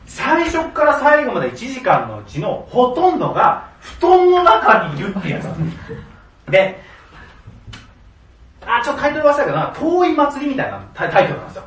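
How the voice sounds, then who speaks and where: A man's voice: very high voice, huge pitch swings, a little fast, a bit bright, far from the mic. A man telling a personal story in a casual monologue, laughing often and acting out the voices he quotes. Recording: echoey room, voice a bit off-mic, faint background noise.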